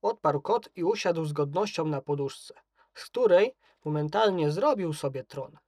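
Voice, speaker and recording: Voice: medium pitch, expressive, normal speed, a little mellow, no echo, clean studio sound. A narrator reading a children's story aloud.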